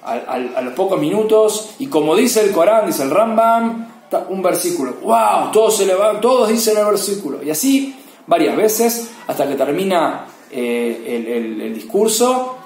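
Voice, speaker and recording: Halting man telling a Torah story. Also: high voice, sing-song, a little mellow, reverberant. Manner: halting, with many restarts and fillers. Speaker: Torah teacher. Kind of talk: storytelling lesson.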